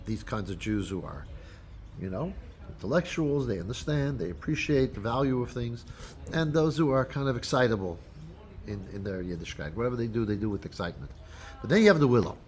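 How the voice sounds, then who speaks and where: A man's voice: mid-range voice, lively intonation, darkish tone. A man speaking as a rabbi, giving an unscripted holiday talk to his congregation with frequent restarts and fillers. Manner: unscripted, halting, with many restarts.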